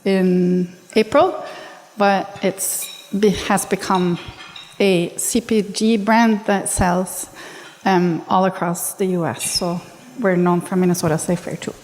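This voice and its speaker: A woman from Norway with a Norwegian accent, speaking on a business panel, chatty and quick to laugh. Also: on the low side, fairly even intonation, a little mellow, a little hiss or hum. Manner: chatty, laughs often, restarts sentences. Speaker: panelist, founder. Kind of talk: panel discussion. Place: event hall with audience. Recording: long hall reverb.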